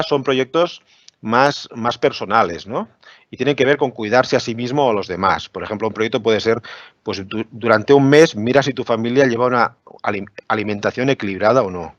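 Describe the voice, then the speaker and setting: A man's voice: mid-range voice, dry recording. A man giving an academic lecture on education with slides, explaining patiently and often asking "¿no?" to check that listeners follow. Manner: explanatory, many "¿no?" tag questions. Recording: dry, dull lo-fi webinar audio.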